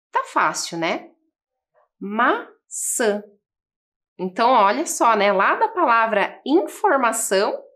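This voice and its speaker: A Brazilian woman teaching a lesson for children, spelling and counting out letters slowly and asking the viewers questions. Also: on the high side, a bit bright. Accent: Brazilian Portuguese. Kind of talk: slow, patient classroom lesson for children. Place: classroom-style studio with a table.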